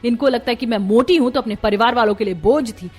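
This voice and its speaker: A woman voicing a proud, outspoken young bride in a cartoon story, talking forcefully. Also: on the high side, quick pace, slightly rough, soft background music. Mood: indignant. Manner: forceful, indignant.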